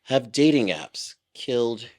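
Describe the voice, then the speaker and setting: A man co-hosting a casual podcast chat, relaxed and steering the talk between segments. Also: medium pitch, slow. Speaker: podcast co-host.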